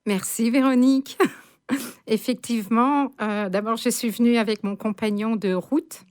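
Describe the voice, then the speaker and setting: A woman's voice: a little high, fairly even intonation, measured pace, a little mellow, clear, resonant tone. Hesitant woman in her sixties. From France. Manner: hesitant, many fillers, laughs often. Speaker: radio guest. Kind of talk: casual radio interview.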